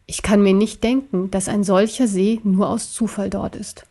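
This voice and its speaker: Butler, a gentle little teddy bear voiced by a woman. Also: mid-range voice, fairly even intonation, moderate pace, lightly acted. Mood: reassuring. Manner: gentle, reassuring. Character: small brave kind male teddy bear. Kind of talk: storybook character voice.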